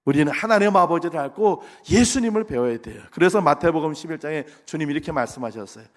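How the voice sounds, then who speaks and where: A middle-aged male pastor preaching a sermon, animated, swinging between loud exhortation and soft asides. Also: fairly high pitch, fast talker. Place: large church sanctuary. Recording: long reverb of a large hall.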